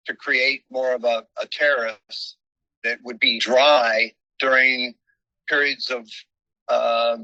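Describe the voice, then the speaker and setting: A man heard over a phone held up to a meeting, speaking haltingly with many pauses and restarts as he explains a project to a commission. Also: mid-range voice, bright, forceful tone, no room sound. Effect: heard over a phone held up to the room. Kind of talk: public meeting remarks. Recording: muffled phone speaker audio.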